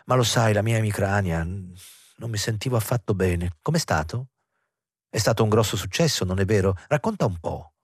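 A man reading an audiobook voices a gentle, doting middle-aged mother who speaks softly and anxiously. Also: fairly low pitch, lively intonation, fairly quick, slightly rough, no echo, clean studio sound. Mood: anxious tender.

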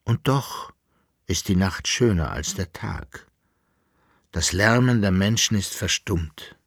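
A man's voice: low voice, takes it slowly, a bit bright, slightly rough, no echo, clean studio sound, exaggerated voice. A man voicing a melancholy old emperor who muses tenderly and calls after a lost love, in a radio reading. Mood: musing. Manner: musing, yearning, then calling out.

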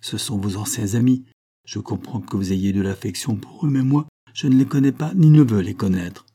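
A man voicing a gentle but resolute young country girl in an audiobook, speaking softly and pleading, then firmly. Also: lowish voice, steady tone, moderate pace, close to an everyday voice. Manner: soft, pleading, then firm. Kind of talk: audiobook character reading.

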